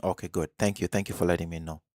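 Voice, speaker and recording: Laid-back man, very deep voice. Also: fast talker, no room sound, studio quality. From Kenya. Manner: relaxed, musing, reacts to the match. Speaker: live stream host. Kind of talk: casual football watch-along commentary.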